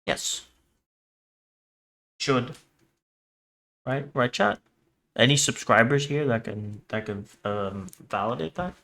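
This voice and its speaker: A man reacts to horror videos on a casual livestream, reading captions aloud and cracking irreverent, sweary jokes. His medium-pitched voice sounds pushed and bright, moving slowly with vocal fry and long pauses.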